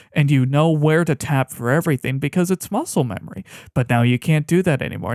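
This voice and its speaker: A man's voice: a little high, dry recording, clean studio sound. A man ranting off the cuff in an improvised podcast, sarcastic and exasperated. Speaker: podcast host. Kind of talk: improvised rant.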